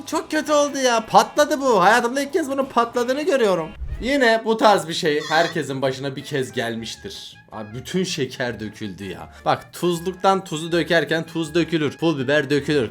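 A man's voice: sits high, a bit bright. A man talks his way through reaction clips in casual commentary, with a voice that leaps up and down as he exclaims and groans at each mishap. Faint music plays behind him.

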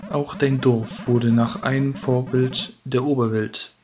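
A man reading game dialogue aloud for a mysterious male voice, the hero's counterpart, slowly and evenly. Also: mid-range voice, fairly even intonation, close to an everyday voice. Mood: solemn. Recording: game music behind.

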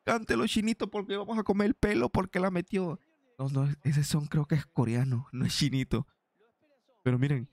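A young man doing excitable play-by-play of his own football video game match for viewers. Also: medium pitch, no room sound. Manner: excitable, addresses viewers as "señores", shouts at big chances. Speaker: gaming YouTuber.

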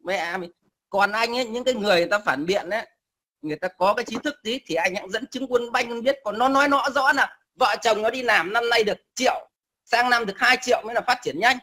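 A male caller rants in a high, bright voice. He is angry and coarse, and he stumbles over repeated words as he pushes his point. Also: quick pace. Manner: angry, coarse, repetitive stammering. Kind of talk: heated call-in rant.

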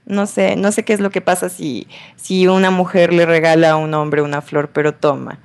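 A woman's voice: on the low side, level tone, moderate pace, gravelly, a little mellow. A woman giving playful, chatty let's play commentary as a gamer, talking to the game's characters in a teasing role-play.

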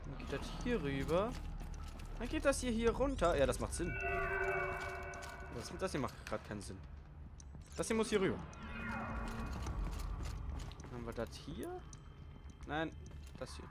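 A man's voice: a little high, very animated, a little slow, long pauses, heavy background noise. A man giving casual gameplay commentary, thinking aloud and repeating himself as he plays. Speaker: gamer playing and commenting. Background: game music.

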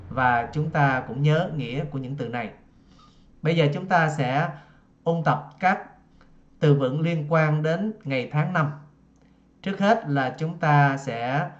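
A man teaching a vocabulary lesson, a native Vietnamese speaker who pronounces each word slowly and carefully and repeats it. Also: a little high. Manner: slow, careful pronunciation drills with repetitions. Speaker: language teacher. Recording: dull lo-fi recording.

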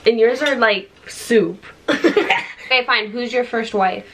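A woman's voice: fairly high pitch, slow pace, fairly bright tone, slight background noise. A young adult woman hosting a casual challenge video indoors, bantering in a bossy, teasing way into a camera mic. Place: indoors, small room.

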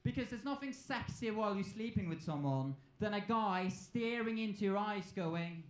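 A young Norwegian man in his 20s performs a live stand-up comedy routine on stage in a comedy club, speaking into a handheld stage microphone. His voice sits high and sounds animated, moving at a moderate pace. The recording carries the echoey, noisy sound of a live club.

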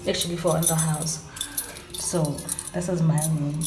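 A young woman from South Africa with a husky morning voice, chatting casually as she gives a room tour. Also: sits low, flat delivery, takes it slowly, over music. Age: young adult. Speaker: YouTuber. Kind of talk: casual vlog.

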